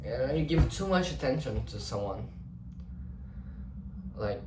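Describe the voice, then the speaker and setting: This vlogger is a young Portuguese-speaking man musing in English off the cuff, wandering and starting over a lot, with the odd casual curse. He sounds animated at medium pitch and a measured pace. The recording is distant and roomy, with background noise.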